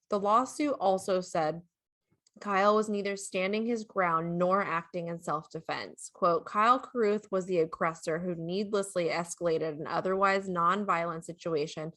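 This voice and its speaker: A woman's voice: on the low side, a bit bright. A woman co-hosting a true-crime podcast, talking casually and reading out case details with fillers and asides. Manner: conversational, reads legal details with fillers and asides. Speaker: podcast co-host.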